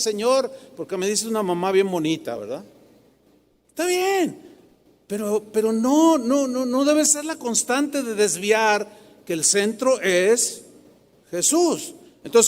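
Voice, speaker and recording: High-voiced Mexican pastor preaching in a hall. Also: male voice. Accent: Mexican Spanish. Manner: animated, asks the crowd questions, confrontational. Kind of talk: sermon. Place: large hall with a live congregation. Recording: long hall reverb.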